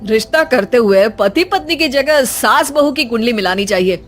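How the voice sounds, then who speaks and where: A woman's voice: on the high side, expressive, normal speed, soft background music, close to an everyday voice. A woman voicing a young husband in a cartoon, exasperated by his family's quarrels. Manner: exasperated, joking. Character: young husband caught between wife and mother.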